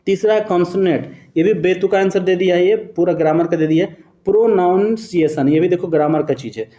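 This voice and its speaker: A man teaching exam-prep material, explaining each answer choice patiently and tossing rhetorical questions at his students. His voice sits slightly high but sounds dark and mellow. The room around him is echoey. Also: brisk, muffled recording. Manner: corrects himself mid-sentence; addresses students fondly as "babu".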